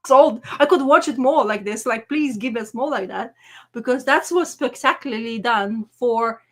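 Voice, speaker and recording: Animated woman in casual chat. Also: on the high side, measured pace. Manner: animated, trails off and restarts mid-sentence. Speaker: podcast co-host.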